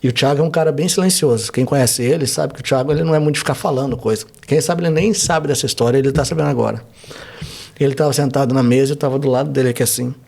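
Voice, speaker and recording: A man's voice: mid-range voice, fairly even intonation, very fast, creaky, a little mellow. A man, a pastor, giving a fervent testimony in a podcast interview and driving his points home with rhetorical questions.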